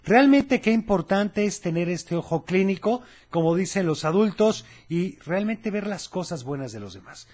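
High-voiced man hosting a kids' show. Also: lively intonation, normal speed, hardly any pauses, a little mellow. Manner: cheerful, talks straight to children. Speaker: host of a children's radio show. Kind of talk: children's radio show hosting.

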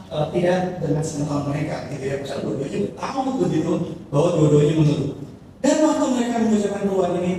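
A man's voice: on the high side, warm tone, a little hiss or hum. A man preaching a sermon, telling a humorous story and acting out its characters' lines. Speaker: pastor. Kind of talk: sermon with a told joke. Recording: echoey hall from far off.

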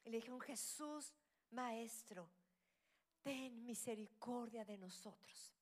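A middle-aged woman preaching a sermon, with a fairly high-pitched voice. She shifts dramatically between loud, rising exclamations and quiet, whispered asides. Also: slow pace.

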